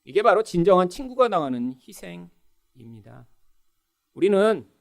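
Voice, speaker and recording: Brief: male church pastor, emphatic sermon delivery, full of rhetorical questions, lively pitch. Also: normal speed, vocal fry. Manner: emphatic, keeps addressing the congregation with rhetorical questions.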